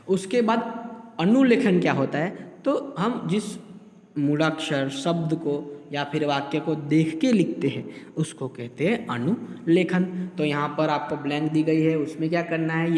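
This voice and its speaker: A man teaching a school lesson, slowly and deliberately reading out letters and repeating them for the pupils to follow. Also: on the high side, darkish tone, reverberant, long reverb tail.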